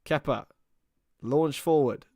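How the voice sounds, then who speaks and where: A young man with a fairly high, slightly mellow voice speaks slowly, recorded in clean studio sound with no room sound. It's a watchalong stream where he calls a football match live and talks with viewers. His manner is chatty, jumping from match calls to banter with chat in casual commentary.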